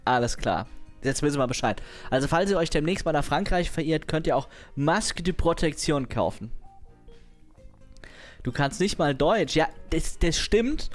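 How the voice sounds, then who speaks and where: A man's voice: fairly high pitch, expressive, moderate pace, faint music behind. A young man chatting casually on a livestream, rambling in slangy, crude language and laughing often.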